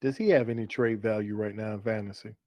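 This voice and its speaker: A man with a fairly low, warm voice runs a fantasy football podcast, talking fast with fairly even intonation. He chats colloquially about sports, repeating phrases for emphasis as he steers through segments and questions. The recording is dry.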